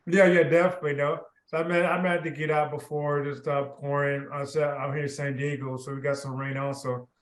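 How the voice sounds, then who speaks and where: A man's voice: fairly high pitch, flat delivery, fairly quick, hardly any pauses. A man hosting a casual interview, talking in a loose, rambling way with constant filler affirmations. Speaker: podcast host. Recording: roomy video call audio.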